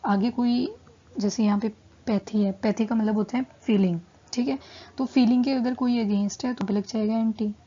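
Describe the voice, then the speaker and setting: Mellow, husky woman teaching vocabulary. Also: mid-range voice, dull audio. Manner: repeats "theek hai" as a check-in, stretches key English words slowly. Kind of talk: casual Hindi-English teaching.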